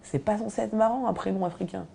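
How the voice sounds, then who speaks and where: A woman comedian talking in an interview, relaxed and hesitant, with many fillers. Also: mid-range voice, fast talker, vocal fry, slightly rough. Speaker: stand-up comedian. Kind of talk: interview talk.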